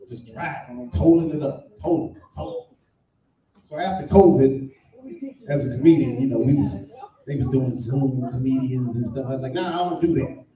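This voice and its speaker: Stand-up comic in an echoey room. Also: male voice, medium pitch, normal speed, warm tone, recorded from a distance, highs cut off. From Washington, D.C. area. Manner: storytelling, acts out voices, sings briefly. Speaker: stand-up comedian. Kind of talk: stand-up comedy set. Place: live comedy show in a room.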